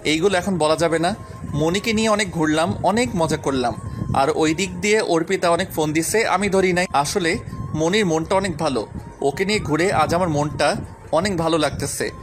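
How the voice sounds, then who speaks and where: A man's voice: a little high, background noise. Young man narrating a love story. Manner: casual, wry first-person storytelling. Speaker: narrator and male lead.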